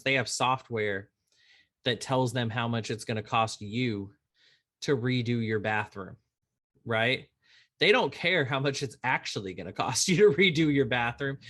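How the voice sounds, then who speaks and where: Male attorney guest, conversational, animated storyteller, mid-range voice. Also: medium pitch. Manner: animated storyteller who acts out quoted dialogue. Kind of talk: conversational podcast interview.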